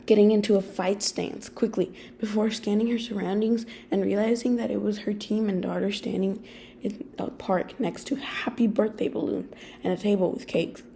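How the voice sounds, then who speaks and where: A young woman reads a fan story aloud in a soft-spoken way, rambling a little when she talks off script. Her voice is mellow and full of vocal fry. Faint background noise sits under the recording in an office. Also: mid-range voice, fairly even intonation, normal speed. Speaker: story reader. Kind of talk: fan fiction reading. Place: friend's office.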